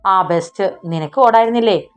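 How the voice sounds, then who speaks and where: Audiobook: woman doing a short-fused young man, sharp and scolding, even pitch. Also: a little fast, clear, resonant tone, soft background music, close to an everyday voice. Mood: exasperated. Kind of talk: audiobook character voicing.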